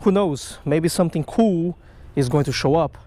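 Background noise surrounds a man fishing at a creek under a stone bridge as he casually, excitedly narrates for viewers and addresses the fish. He speaks a little high at a moderate pace; the footage comes from a chest-mounted action cam.

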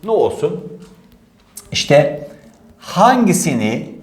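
A man's voice: on the high side, very animated, very slow. A man teaching grammar in an exam-prep lesson, emphatic, repeating key rules and voicing his students' questions. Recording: echoey room.

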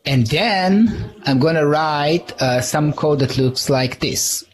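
A man's voice: on the high side, slow. A man giving a live conference talk, conversational, checking in with "all right?" and often restarting words. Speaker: conference speaker.

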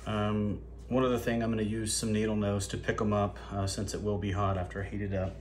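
A man's voice: lowish voice, flat delivery, brisk, darkish tone, slight background noise. A man casually explaining a hands-on craft step by step, with frequent ums and uhs. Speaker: lure-making video host. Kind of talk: casual how-to demonstration. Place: indoors at a tabletop workspace.

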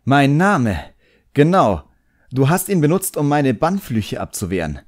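A man reading an audiobook, voicing an agitated young apprentice magician boy who shouts indignantly. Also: medium pitch, big pitch swings, unhurried, pitched above the performer's own voice. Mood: angry.

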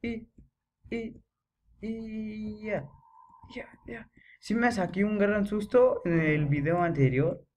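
Excitable young male gamer. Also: sits high, takes it slowly, long pauses, muffled recording, slight background noise. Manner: excitable, chanting and yelling in panic. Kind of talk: horror gameplay commentary.

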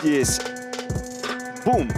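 A man giving excitable live MMA commentary. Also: very slow. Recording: loud music under the voice.

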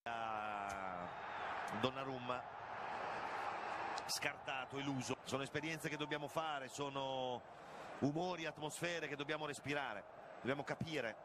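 A man's voice: mid-range voice, measured pace, long pauses. A man giving partisan live football commentary as a fan of his team, insistently repeating names and phrases. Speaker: football commentator supporting Milan. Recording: loud stadium noise behind the voice. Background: stadium ambience.

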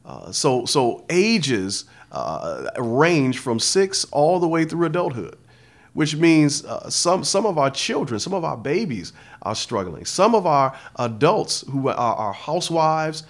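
A man's voice: on the high side, sing-song, takes it slowly. A middle-aged man hosting a talk show on addiction, speaking earnestly with many fillers and restarts, in an indoor room. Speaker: host.

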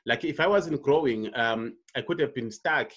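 A man in his fifties, a network marketing coach, giving an online coaching presentation in an unhurried way, with frequent fillers and restarts. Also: mid-range voice, fairly bright tone. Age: 50s. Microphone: computer mic on a video call.

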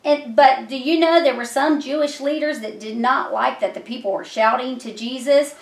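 A middle-aged woman with a high-pitched voice hosts a children's puppet show, telling Bible stories simply and explaining them at a normal speed. She's in a small, decorated indoor room, and the recording echoes.

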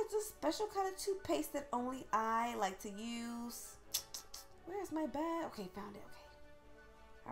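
A woman narrating an in-character game role-play in a gushing, excitable way, with frequent gasps and squeals. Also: a little high. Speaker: gaming video creator.

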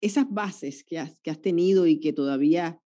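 A woman's voice: sits low, normal speed, mellow, lo-fi sound. A middle-aged woman hosting an interview, asking questions in a friendly way and adding asides. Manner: friendly, prompts guest with asides. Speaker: host. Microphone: podcast mic on a stand.

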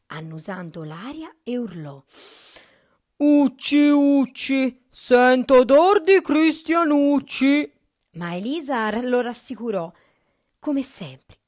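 A young woman reading a fairy tale aloud to children with an expressive, husky voice that drops to whispers. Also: fairly low pitch. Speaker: children's storyteller.

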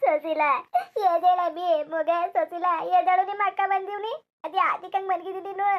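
A sobbing village elder sister, played by a woman in a comic cartoon, wailing loudly and calling her dead sister to get up again. Her squeaky, very high voice keeps breaking into cries. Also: little pitch movement, normal speed, highs cut off. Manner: loud sobbing lament, repeated calls to wake up. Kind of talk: comic cartoon mourning lament.

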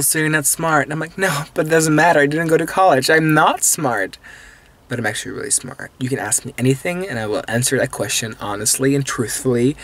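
A man's voice: fairly high pitch, fairly bright tone. A young man in his twenties, not a native English speaker, rambling playfully and mocking himself in a late-night vlog from a parked car, filmed on a phone held at arm's length. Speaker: vlogger. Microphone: phone camera held at arm's length.

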